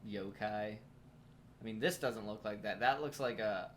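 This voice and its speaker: A man's voice: fairly low pitch, a little slow. A man co-hosts a casual comedy podcast. He riffs in a goofy, playful way. A faint noise sits behind his voice. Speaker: podcast co-host.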